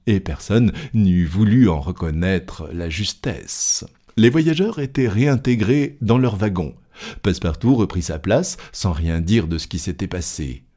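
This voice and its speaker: A man with a lowish voice reading a classic novel aloud. His narration is measured and steady, with a touch of drama at the tense moments. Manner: measured, lightly dramatic storytelling.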